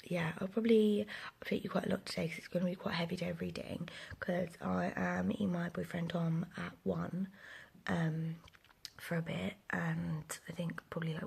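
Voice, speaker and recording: Woman, 20s, whispering vlogger; breathy, low and husky, rambling chat, slight sore throat. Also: level tone, moderate pace, a little mellow. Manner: rambling, many fillers and restarts. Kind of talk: casual whispered vlog. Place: home, indoors. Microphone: close camera.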